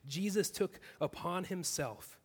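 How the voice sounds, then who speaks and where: A male pastor delivers an earnest sermon, stacking his points in repeated clauses. His voice sits a little higher than most men's. The sound rings with the long reverb of a church hall. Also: measured pace, slightly rough.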